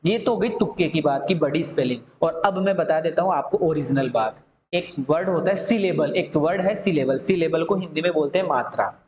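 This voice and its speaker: A man's voice: fairly high pitch, fairly quick, background noise. Man teaching grammar in an echoey room. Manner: repetitive, asks and answers own questions; drills word forms in lists. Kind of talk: classroom grammar lesson.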